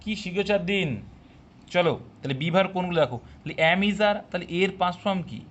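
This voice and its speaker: A man's voice: high voice, fairly quick, fairly bright tone. A man teaching an exam-prep class live, quizzing his students and explaining step by step, sometimes scolding them for answering early. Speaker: English teacher for exam coaching.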